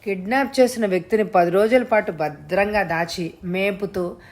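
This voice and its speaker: Woman voicing a hoarse, scornful male kidnapper. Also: medium pitch, darkish tone, lightly acted. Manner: cool, scornful, unhurried.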